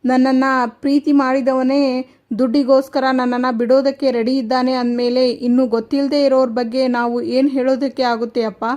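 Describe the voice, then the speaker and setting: A woman's voice: high voice, level tone, brisk, dark tone, lightly acted. A woman voicing a young daughter betrayed by her fiancé, pleading earnestly with her father, in a retold television serial.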